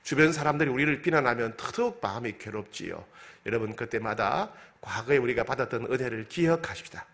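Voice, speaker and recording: Earnest Korean pastor with a lively pitch. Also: male voice, fast. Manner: earnest, pleading, rises and falls with emphasis. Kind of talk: sermon.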